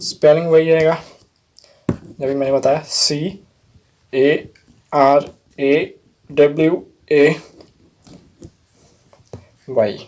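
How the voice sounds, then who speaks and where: A man's voice: on the high side, fairly even intonation, unhurried, long pauses, dark tone. A man teaching English vocabulary, spelling each word letter by letter and checking in with "theek hai" as he patiently explains it. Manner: repeats "theek hai" often. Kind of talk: vocabulary lesson.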